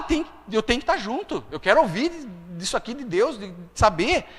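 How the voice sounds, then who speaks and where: A man's voice: very high-pitched, sharp tone, long reverb tail. A man preaching a testimony sermon, chatty and full of tag questions. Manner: conversational, frequent tag questions.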